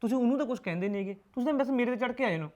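A man's voice: very high voice, racing, darkish tone, dull audio. An actor playing a hot-tempered young husband who argues defensively with his mother. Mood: resentful. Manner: resentful, argumentative. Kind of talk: film drama dialogue.

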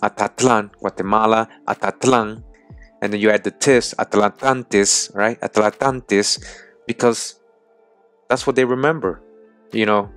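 A man's voice: lowish voice, fairly even intonation, moderate pace, fairly bright tone, soft background music. A man hosting a video, reading excerpts from books aloud and commenting emphatically, often checking in with "all right?" and restating his points. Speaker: video host.

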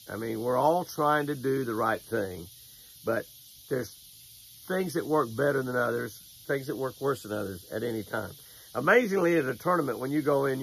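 This older American, a devotional host who also fishes, talks by a lake in a folksy way, sharing a devotional and a fishing tip while repeating phrases for emphasis. His voice sits at medium pitch, gravelly and a bit bright. The close camera recording is poor, with slight background noise.

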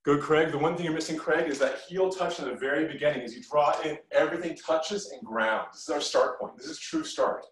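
A middle-aged kung fu instructor talks a little fast with few pauses, his voice slightly high, as he delivers short commands and supportive feedback to a live class. The sound comes from a camera across a medium-sized living room, echoey and distant.

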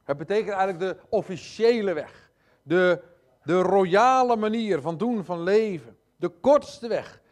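A man preaching a sermon to his congregation, speaking emphatically, repeating phrases and swinging between loud stresses and hushed asides. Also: high-pitched, animated, measured pace. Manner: addresses congregation directly.

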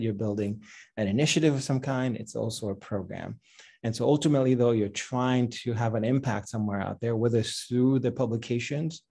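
A man in his forties introduces a guest over a video call, his voice dark and mellow. He talks in a friendly, halting way, often starting phrases over. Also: mid-range voice, breathy edge. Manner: warm, halting, with restarts and laughs. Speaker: host. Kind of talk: casual spoken introduction. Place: home room with bookshelves.

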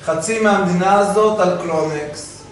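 A man giving an animated sermon as a rabbi, firing rhetorical questions and acting out little dialogues. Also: high-pitched, a little hiss or hum. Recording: very echoey room, voice from far off.

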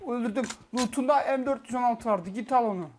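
Excitable man yelling over loud gunfire. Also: very high-pitched, fairly quick, heavy background noise. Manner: excitable, shouting, swearing, repeating himself. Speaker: gameplay streamer. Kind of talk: live gameplay commentary. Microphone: cheap poor-quality microphone. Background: loud game gunfire and clicks.

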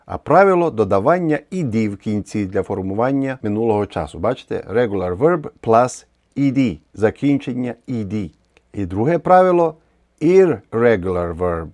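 A man's voice: lowish voice, big pitch swings, normal speed, darkish tone, no echo, studio quality. A man teaching English grammar with a Ukrainian accent, explaining patiently step by step with many repeated examples.

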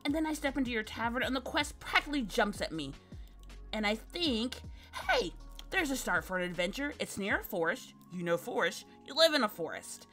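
A woman's voice: fairly high pitch, very animated, a little fast, fairly bright tone, faint music behind, pitched above the performer's own voice. A woman voicing a nervous young female adventurer from a game, rambling through her anxious worries. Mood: excited, nervous. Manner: anxious, tumbling run-on worries. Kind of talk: reading game dialogue aloud.

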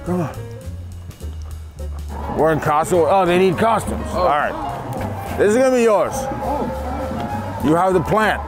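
A man calling out loudly and urgently outdoors, with music behind him. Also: high voice, lively intonation, measured pace, long pauses, a crowd in the background.

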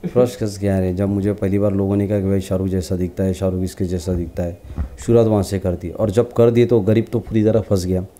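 Low, dark-voiced man telling a story. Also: brisk, slight background noise. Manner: lively storyteller acting out quoted dialogue. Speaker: celebrity lookalike actor interviewee. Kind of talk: casual storytelling interview.

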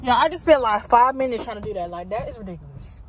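A woman vlogging casually to her phone in a car, talking fast and loose, peppering everything with "like" and "y'all.". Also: on the high side, expressive. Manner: chatty, fills with "like" and "y'all", quick to exasperation. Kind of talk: casual chat to camera. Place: inside a car. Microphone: phone propped up in the car.

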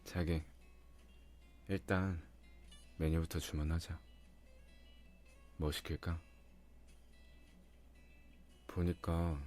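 A man playing a doting, teasing young boyfriend in an intimate ASMR ASMR role-play, murmuring softly and coaxingly close to the microphone. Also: rumbling low, heavily acted. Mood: caring, casual. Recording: music behind the voice.

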